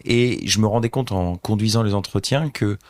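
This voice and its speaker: A man in his thirties from northern France, guesting on a podcast. His low voice comes across close and dry, and he tells his story in an earnest, reflective way. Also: moderate pace, dry recording. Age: 30s. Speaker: guest, company founder. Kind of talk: casual interview chat.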